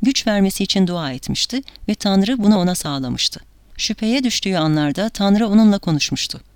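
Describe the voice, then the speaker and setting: A woman narrating an audiobook with a dramatic, measured delivery. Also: medium pitch, animated, darkish tone, smooth, dry recording, studio quality.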